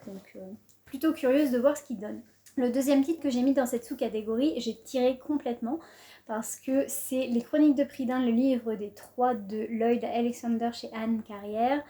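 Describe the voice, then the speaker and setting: A woman's voice: a little high, fairly even intonation, normal speed, dark tone. A young woman from France chatting casually about books on her video channel, with frequent fillers and little laughs. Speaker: booktuber presenting her reading list. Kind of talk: casual vlog chat.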